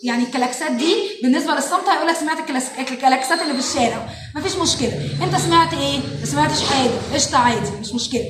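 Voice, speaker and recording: An Egyptian woman, a parenting educator and show host, explaining classroom activities to parents in an animated way and acting out what children say. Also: sits high, rapid-fire, very noisy. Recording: echoey room, mic at a distance.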